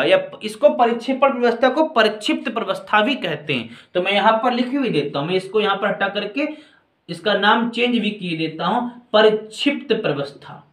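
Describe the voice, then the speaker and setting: A man gives a chemistry lesson in a higher-than-usual voice, taking it point by point and checking that his students are following. He addresses them as children and friends. The sound carries a clear room echo. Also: fairly bright tone. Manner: explains step by step, often asks if it is clear. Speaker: chemistry teacher. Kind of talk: classroom-style lecture. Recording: echoey room.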